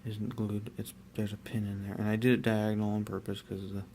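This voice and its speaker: A young man casually talking through his hobby work, rambling and relaxed with many fillers and restarts. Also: on the low side, a little fast, a little hiss or hum. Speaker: miniature painter.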